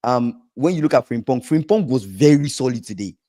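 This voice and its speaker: Dark mellow guy, bit hoarse, going on about football, repeats himself a lot. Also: mid-range voice, animated, a little fast. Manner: emphatic, repeats himself, trails off. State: slightly hoarse from shouting. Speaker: podcast co-host. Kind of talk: casual football chat.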